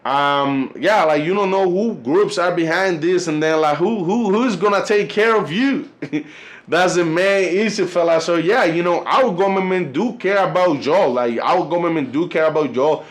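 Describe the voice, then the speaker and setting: Speaking at normal speed in a higher voice, a Colombian YouTube host in his twenties rambles through casual vlog commentary, leaning heavily on fillers like "you know" and "fellas." Spanish is his native language, and his accent is Colombian.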